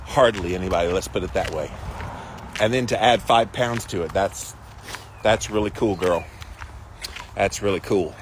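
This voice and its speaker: In a deep voice at normal speed, broken by long pauses, a man reads out viewer comments on his casual livestream about a daily ice bath challenge and answers them encouragingly, emphatically and colloquially. The background is noisy.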